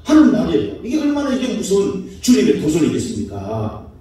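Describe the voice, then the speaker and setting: A man's voice: high-pitched, wildly swooping pitch, brisk, mellow. A male pastor preaching a sermon, asking the congregation rhetorical questions and acting out short quotes. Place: church sanctuary. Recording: echoey hall from far off.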